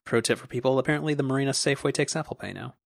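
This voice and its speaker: A man co-hosting a podcast, talking in a wry, animated way with little laughs. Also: medium pitch, very fast, vocal fry, no room sound, studio quality. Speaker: podcast co-host. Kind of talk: casual tech chat.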